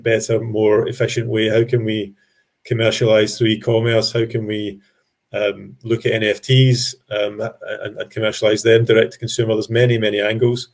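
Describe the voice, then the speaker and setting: Speaking low and darkly, a man gives an explanatory business talk to industry listeners. He keeps a measured pace but often says um and starts phrases over.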